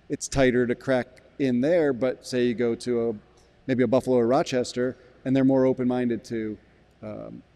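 A man in his forties, a brewery sales director, giving a measured interview in a barrel room with frequent restarts. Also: medium pitch, dark tone. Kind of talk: business interview.

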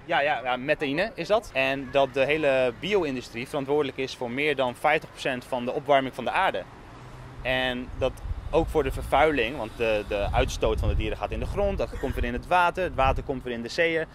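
A man's voice: medium pitch, fairly quick. A young man doing a street interview outdoors with a handheld mic, asking probing, persistent questions. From Netherlands. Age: young adult. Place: busy town street outdoors. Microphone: handheld mic with fur windscreen. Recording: faint street noise.

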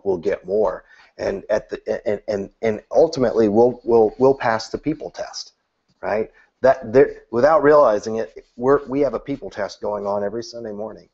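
Seated on a couch in a small room, a man in his thirties offers church marketing advice in an interview over a video call. His lowish voice is creaky with a breathy edge; he's earnest and animated, gesturing with both hands and repeating words each time he restarts. Sound comes through a webcam and is dull and lo-fi.

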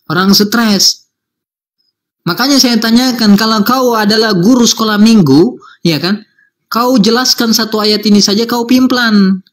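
A man's voice: sits high, a little slow, pauses often, fairly bright tone. A man acting as a preacher in a heated religious debate, insisting and repeating his questions again and again.

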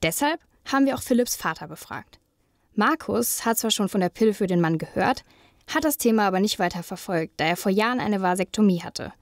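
A woman's voice: medium pitch, lively intonation, a little fast, no echo, studio quality. Young woman presenting a scripted podcast. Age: young adult. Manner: smooth, read-from-script linking. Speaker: podcast co-host, journalism student.

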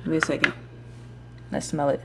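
Casual young woman vlogging, noisy home recording. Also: normal speed. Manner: informal, slangy, thinking aloud. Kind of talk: casual chatty food vlog. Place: home kitchen. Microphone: handheld camera at arm's length. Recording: clear background noise, handheld home recording.

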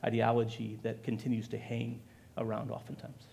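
A middle-aged man speaks on a discussion panel with a gravelly edge to his voice. He talks in an animated way, building his points to an audience. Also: medium pitch, normal speed, slight background noise. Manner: animated, gestures while speaking. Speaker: history professor on a panel. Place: event hall with audience.

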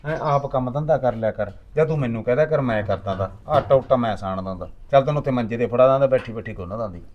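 A man's voice: on the low side, fast, echoey room, big-room sound, highs cut off, a little hiss or hum, close to an everyday voice. An actor playing a young husband and son who keeps coaxing and soothing his angry wife. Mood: pleading. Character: young husband, placating, caught between wife and mother.

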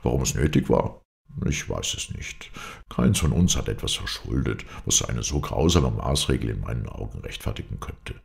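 A man voicing a melancholy, brooding man who grieves for his lost wife and son, speaking in a hoarse voice with a philosophical, mournful manner. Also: extremely low pitch, expressive, moderate pace, full character voice.

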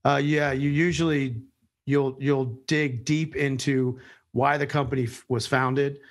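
A middle-aged man, a business executive appearing as an interview guest, explaining at length in a measured way with frequent fillers and restarts. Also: medium pitch, level tone. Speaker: guest, agency chief executive. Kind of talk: interview answers.

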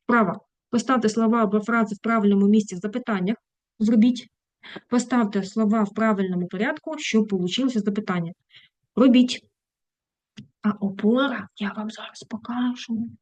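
A woman's voice: on the high side, steady tone, a little fast, no room sound. A woman English teacher giving a casual online lesson, chatty, breaking off mid-thought and turning to her students with fond asides. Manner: chatty, self-interrupting, affectionate asides.

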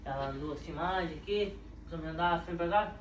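A man, excitedly retelling a story with repetition and laughter. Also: on the high side, a little fast, highs cut off. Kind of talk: animated storytelling. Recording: roomy, distant, noisy home recording.

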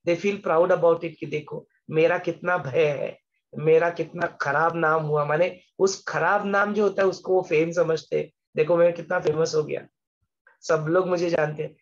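Slow, patient man teaching scripture. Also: fairly high pitch, fairly even intonation, dull audio. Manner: patient, repeats words, mixes English into Hindi. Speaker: spiritual teacher. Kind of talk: explanatory scripture lesson.

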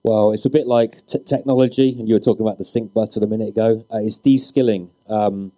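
A man's voice: fairly low pitch, fairly even intonation, quick pace, warm tone, no echo. A man speaking as a DJ on a live panel, earnest and opinionated. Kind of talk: panel discussion.

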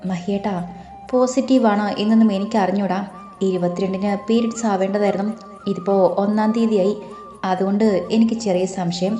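A woman reading the lines of a shy, excited young wife in an audio story, speaking softly and bashfully. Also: mid-range voice, fairly quick, close to an everyday voice. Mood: hesitant. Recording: echoey room, faint music.

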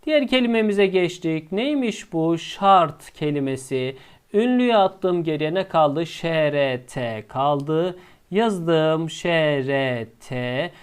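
A male teacher explaining a lesson step by step, asking himself questions and answering them, and drawing out the key words slowly. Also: a little high, lively intonation, clear, resonant tone.

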